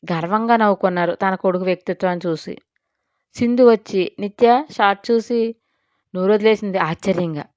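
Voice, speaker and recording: A woman narrating a story in a lively, expressive way. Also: mid-range voice, brisk, no room sound. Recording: dull dry lo-fi sound.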